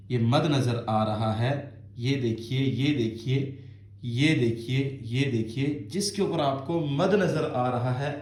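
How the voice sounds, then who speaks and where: This Quran teacher from Azad Kashmir, Pakistan speaks with a slightly mellow, mid-range voice that echoes around the room. Patient with the children, he draws out every letter sound as he recites melodically and explains.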